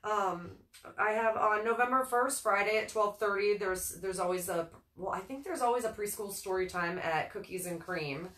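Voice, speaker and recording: A woman's voice: mid-range voice, normal speed, fairly bright tone. Laid-back northern virginia woman chatting on a live stream, roomy echo, sounds far from the mic. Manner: easygoing, chuckles through her listings. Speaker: co-host. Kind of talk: casual live-stream chat. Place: local speed shop, indoors. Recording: echoey room, far from mic.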